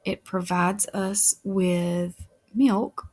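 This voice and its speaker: Very slow-talking woman teaching little children. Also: mid-range voice, steady tone, darkish tone. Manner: simple, patient questioning with repeated words and sounded-out letters; encouraging praise. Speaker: early-years teacher. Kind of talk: phonics lesson for young children, like reading to a toddler.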